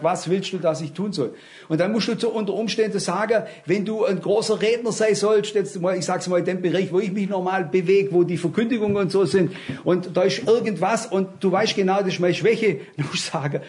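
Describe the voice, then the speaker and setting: A man with a high, slightly mellow voice preaches a sermon at a Bible study. Earnest and anecdotal, he shares stories from his own life and speaks directly to his listeners.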